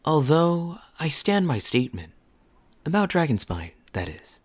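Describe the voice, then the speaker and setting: A man's voice: fairly high pitch, sing-song, a little slow, no echo, full character voice. Man playing suave, teasing Kaeya, swooping flirtatious lilt. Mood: teasing, intimate. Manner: smooth-talking, playful, coy, lingering phrasing. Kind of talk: romantic interactive audio roleplay, spoken to the listener.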